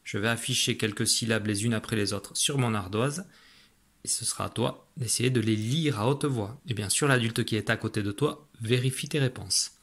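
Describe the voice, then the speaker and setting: A man teaching French letter sounds to young children in a patient, encouraging way, slowly spelling out letters and syllables and praising the listener. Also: lowish voice, a bit bright. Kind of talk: phonics lesson for young children.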